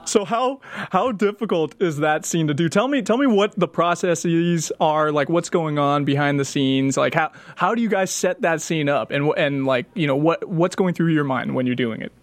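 A man's voice: on the high side, normal speed, few pauses, no echo. A man hosting an interview, eager and enthusiastic, often stumbling into his questions. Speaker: interviewer host. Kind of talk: casual interview chat.

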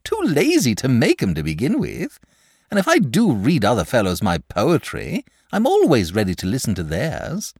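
Man voicing a genteel dragon, swooping pitch. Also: huge pitch swings, moderate pace, vocal fry, no room sound, studio quality. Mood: cheerful. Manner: genteel, chatty, bashful, eager to please. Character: huge mild, sociable, lazy poetry-loving male dragon.

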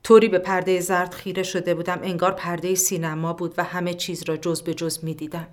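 A woman narrating a literary story in a somewhat low voice. Her reading is calm and measured, and it sinks into a hush for the quieter inward passages.

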